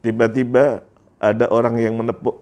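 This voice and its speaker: A preacher from Indonesia telling a moving story in an emotional sermon, repeating phrases with feeling. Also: male voice, mid-range voice, flat delivery, moderate pace, a little mellow. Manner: repetitive, emotive narration with religious phrases.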